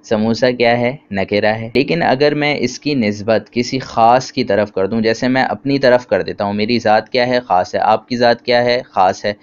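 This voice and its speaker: A man's voice: medium pitch, normal speed, few pauses, smooth. A man teaching a grammar lecture, explaining patiently with simple examples and asking questions. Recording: dull lo-fi sound.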